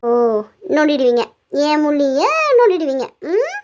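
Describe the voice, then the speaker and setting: A woman's voice: high voice, big pitch swings, a little slow, warm tone, highs cut off. A woman voicing a sulky, affectionate young woman in a cartoon, pouting and insistent. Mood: coy. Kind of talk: cartoon voice acting.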